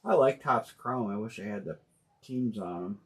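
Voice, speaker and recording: Low-voiced man rambling on a live stream. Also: normal speed. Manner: rambling, thinking aloud with many fillers and restarts; plainspoken and blunt, uses slang. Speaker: host of a live sports card break stream. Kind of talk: casual live-stream chat.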